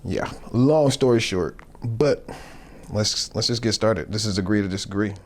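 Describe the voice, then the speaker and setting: A man's voice: on the low side, moderate pace, a little hiss or hum. A man hosting a casual comedic commentary show, rambling with slang and lots of fillers.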